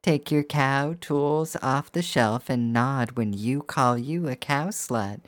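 Taking it slowly at medium pitch, an adult performer addresses the listener directly in a scripted erotic hypnosis monologue that coaxes and teases through rhythmic, rhyming repetition. The audio is studio quality with no room sound.

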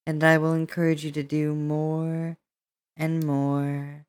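A woman speaking as a hypnotist right in the listener's ear, in a commanding, deliberate, lulling monologue full of repetition. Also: low-pitched, completely flat delivery, a little mellow, clean tone. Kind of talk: slow hypnosis monologue, spoken close in the ear.

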